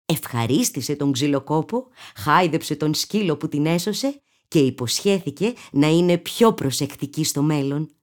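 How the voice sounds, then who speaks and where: A woman narrating a children's storybook in an expressive, animated storytelling manner. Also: low voice.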